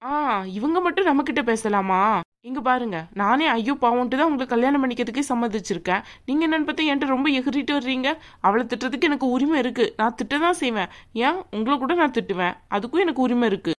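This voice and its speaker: A woman voicing a haughty young bride in a cartoon, sharp and sneering as she bosses others around. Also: high-pitched, expressive, fast talker. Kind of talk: cartoon voice acting.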